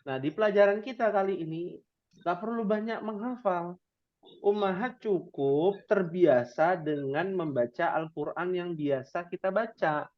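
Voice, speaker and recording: In an interactive religious class, a man teaches Quran reading with a light tinge to his speech, quizzing students with playful questions. His voice is high-pitched and unhurried, and the sound is lo-fi.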